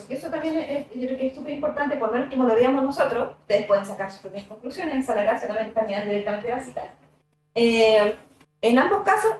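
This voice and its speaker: A woman's voice: high-pitched, darkish tone, distant mic. Woman lecturing in an echoey room. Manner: thoughtful, conversational, many fillers and tag questions. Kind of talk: university lecture.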